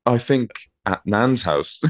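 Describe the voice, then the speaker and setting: A man's voice: mid-range voice, lively intonation, slow. A man with a Welsh Valleys accent chatting casually as a comic interview guest, telling jokey, self-deprecating anecdotes. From South Wales Valleys. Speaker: comedian guest.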